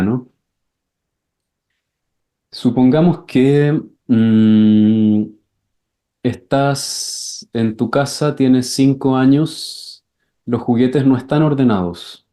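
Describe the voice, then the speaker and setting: A man teaching an enneagram class, explaining slowly and breaking into loud acted-out scenes. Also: mid-range voice. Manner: acts out scenes with sudden shouted voices, repeats words. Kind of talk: class lecture with questions and answers.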